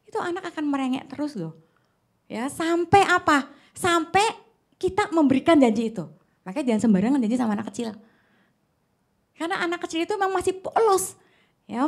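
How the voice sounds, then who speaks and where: A woman preaching a conversational church sermon, speaking directly to the congregation and often checking in with a quick "ya". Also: high voice. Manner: chatty, keeps checking in with "ya", addresses the congregation directly.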